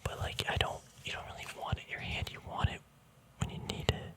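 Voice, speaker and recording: This ASMR video creator speaks entirely in a hushed whisper and talks fast while showing a trading card deck. His show-and-tell is casual and rambling, with musing, hesitation, and thoughts that trail off before he moves to the next.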